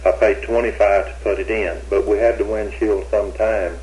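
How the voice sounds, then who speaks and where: A man's voice: on the low side, steady tone, normal speed, a little mellow, slight background noise, low-quality recording. An older man being questioned, talking in a hesitant, rambling way with many restarts, heard on an old interrogation tape recording.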